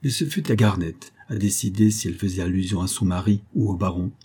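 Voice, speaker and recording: Male narrator for a classic novella, low, husky, even literary delivery. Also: a little fast. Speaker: audiobook reader.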